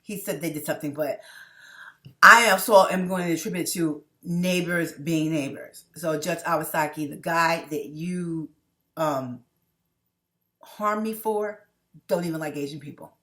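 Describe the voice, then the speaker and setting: Addressing her viewers directly, a middle-aged vlogger from New York City rambles through a personal monologue, frequently restarting and repeatedly asking "okay?" Her voice is deep and sharp-toned, and she speaks at a measured pace.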